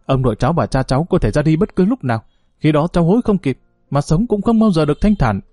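A man's voice: mid-range voice, lively intonation, a little fast, dark tone, breathy edge, no echo, studio quality, soft background music. A man voicing an elderly grandfather in an audiobook, speaking with urgent insistence. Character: elderly grandfather, overjoyed then commanding.

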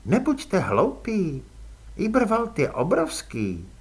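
An elegant female vampire with a cool, drawling, aristocratic manner, as a male audiobook narrator puts her on. The voice rides high and swoops all over, with a husky grain underneath. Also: wildly swooping pitch, full character voice. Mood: cool, poised. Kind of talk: audiobook character voice.

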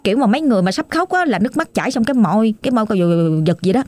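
A woman's voice: medium pitch, expressive, racing, a little mellow, no echo. A woman with a Southern Vietnamese accent narrating a ghost story with emotional, repetitive exclaiming.

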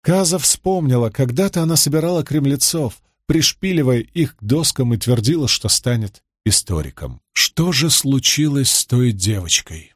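A man reading a fantasy novel aloud as a measured, steady audiobook narrator. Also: medium pitch, no echo, clean studio sound.

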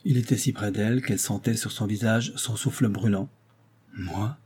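A male audiobook narrator reads a classic novel in a measured, dramatic style. His voice is low and dark, with a husky grain. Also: steady tone. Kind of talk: scripted narration.

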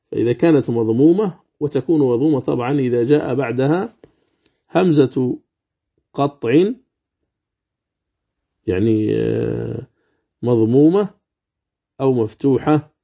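A man teaching the rules of Quran recitation, asking and answering his own questions and slowly demonstrating words. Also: medium pitch, creaky, mellow, breathy edge, dull audio. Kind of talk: religious lesson commentary.

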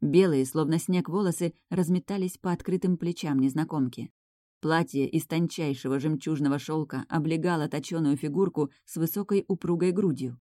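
A woman's voice: low-pitched, steady tone, normal speed, dark tone, no echo, clean studio sound. A woman reading a fantasy novel aloud as audiobook narrator. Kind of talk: scripted narration.

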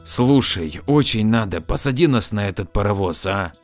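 A man's voice: lowish voice, expressive, moderate pace, faint music behind, natural voice. A man voicing Lev, a blunt tough officer. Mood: pressing. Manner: blunt, plain-spoken. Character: tough young male ex-officer, blunt and determined.

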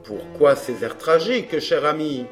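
A man voicing a smug, scheming fake baron, smooth and mocking in an audiobook drama. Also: a little high, animated, unhurried, faint music behind.

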